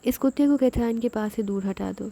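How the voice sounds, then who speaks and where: A woman's voice: on the high side, creaky, dark tone. A woman playing an enraged feudal lord. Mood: furious. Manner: commanding, furious.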